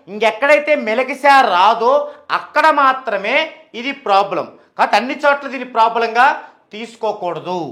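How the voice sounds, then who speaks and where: Man, very high voice, explaining name sounds, repeats names slowly, asks and answers himself. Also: sharp tone. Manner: poses and answers his own questions. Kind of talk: explanatory talk.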